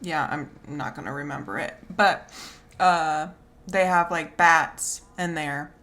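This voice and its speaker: Slow-paced woman chatting with whistly S sounds. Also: deep voice, fairly even intonation, a bit bright. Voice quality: slight whistle on S sounds when talking. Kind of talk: casual chat. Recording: clear background noise.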